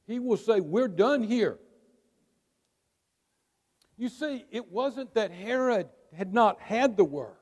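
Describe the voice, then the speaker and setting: A male pastor delivers a sermon with high, ringing tones. He leans on words and holds dramatic pauses. His voice trails off into the long reverb of a large church hall. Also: expressive, darkish tone. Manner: emphatic preaching with dramatic pauses. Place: church sanctuary.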